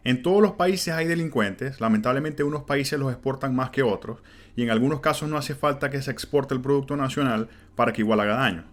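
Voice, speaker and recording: A man's voice: mid-range voice, brisk. A man in his thirties from Venezuela with a Venezuelan Spanish accent, hosting a solo podcast in an earnest, conversational way. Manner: earnest, conversational, with fillers like "este" and "pues". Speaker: podcast host. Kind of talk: reflective solo podcast monologue.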